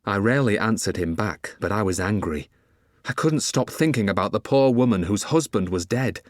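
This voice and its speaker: A man narrating a dark fantasy audiobook in the first person, telling it expressively. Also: on the low side, expressive, normal speed, dry recording, studio quality.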